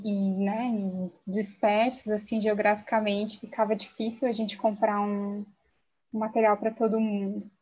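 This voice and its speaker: A woman's voice: fairly high pitch, darkish tone. A woman, an event organizer chatting casually before a live online event over small earphones. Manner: chatty, conversational. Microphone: headset earphones. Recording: dull lo-fi sound with faint noise.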